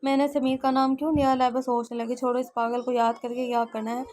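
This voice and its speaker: A woman's voice: high-pitched, flat delivery, fast, darkish tone. A woman reading a romance novel aloud as an audio story, giving all the characters her own voice, with frequent slips and self-corrections.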